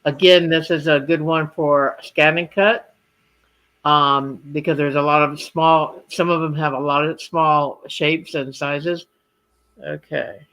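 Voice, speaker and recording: A man giving a casual product demonstration as an embroidery designer, explaining things in a halting way. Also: fairly high pitch, flat delivery, pushed and bright.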